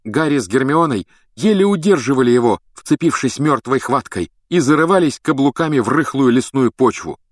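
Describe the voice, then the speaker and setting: A man's voice: mid-range voice, moderate pace, dry recording. Male audiobook narrator, dry and close. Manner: dramatic, lively reading.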